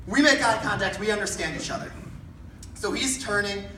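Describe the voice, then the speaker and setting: A man's voice: high-pitched, brisk. A young man doing stand-up storytelling, rambling with lots of fillers and acting out characters. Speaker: stand-up comedian. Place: comedy club stage. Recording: roomy room, distant mic, background noise.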